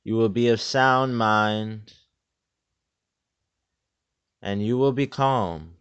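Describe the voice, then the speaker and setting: A man giving a deadpan parody of a guided meditation in a slow, calm, soothing voice. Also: fairly low pitch, clean tone, muffled recording. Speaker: host of a parody meditation video.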